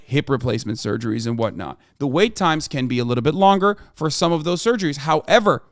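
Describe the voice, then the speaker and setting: A man's voice: a little high, a bit bright, dry recording, clean studio sound. Profane, combative man ranting at chat. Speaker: livestream host. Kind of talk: heated political rant to chat.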